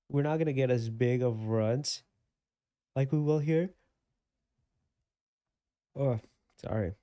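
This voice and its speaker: A man hosts a live trading stream from a home desk, thinking aloud and chatting easily with viewers. His voice is mellow and gravelly, with a bit of fry. The sound is dry and close, with no room echo. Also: medium pitch. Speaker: livestream trading host. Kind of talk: casual live market commentary. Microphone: desk microphone with webcam.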